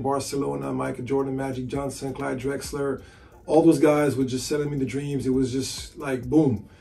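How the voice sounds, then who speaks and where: Gravelly-voiced man in his forties, off-mic. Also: mid-range voice, dark tone, recorded from a distance. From France. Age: 40s. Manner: casual, many fillers like "you know". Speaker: sports agent and basketball analyst. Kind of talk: relaxed interview answers. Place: hotel room by a window.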